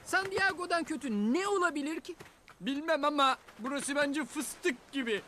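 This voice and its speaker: A man voicing a chatty, upbeat male zebra in a cartoon dub, quick and easygoing. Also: extremely high pitch, bright, forceful tone, a little hiss or hum. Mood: joking. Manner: fast, pleading, easygoing banter. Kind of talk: cartoon dubbing.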